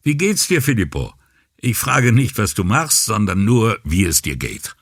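A man's voice: low-pitched, very animated, unhurried, husky, dry recording, studio quality, full character voice. A man reading an audiobook voices a playful, mock-serious male journalist speaking over a speakerphone. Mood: teasing. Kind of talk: audiobook character voice.

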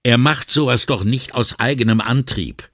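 A man's voice: mid-range voice, normal speed, fairly bright tone, no room sound, clean studio sound, pitched above the performer's own voice, lightly acted. A man voicing a weary, indignant middle-aged male police inspector in an audiobook, sighing and exasperated. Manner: sighing, exasperated and morally upset. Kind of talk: audiobook character reading.

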